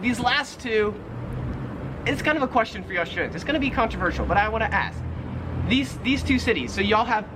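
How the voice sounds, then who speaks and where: An American man explains pronunciations in a vlog and repeats words to compare them. His voice sits fairly high, and clear background noise runs under the clip. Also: expressive, brisk. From United States. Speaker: video creator explaining pronunciation.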